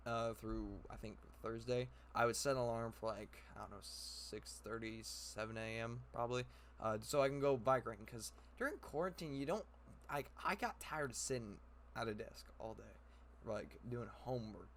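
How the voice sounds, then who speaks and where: A young man telling a story in a casual vlog from his room. He rambles, laughs often and fills his talk with fillers and restarts. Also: mid-range voice. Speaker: YouTuber. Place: his own room indoors.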